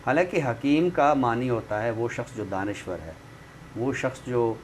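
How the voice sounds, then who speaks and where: This literary expert guest has a mid-range voice and sounds animated, speaking at a normal speed. He teaches in a chatty way, frequently checking understanding with tag phrases, and the recording comes from a clearly noisy room.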